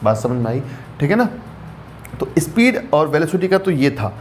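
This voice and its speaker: A man's voice: a little high, big pitch swings, normal speed, slight background noise. A male maths teacher giving a classroom lecture, mixing in English terms and checking in often with rhetorical questions. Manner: mixes English terms into explanations.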